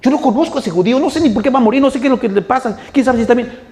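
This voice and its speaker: A man preaching, acting out the impulsive disciple Peter in a loud, urgent, raised voice. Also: very high voice, animated, moderate pace, big-room sound, voice pushed up. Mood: denying. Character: impulsive fisherman disciple Peter, grown man, boastful then pleading.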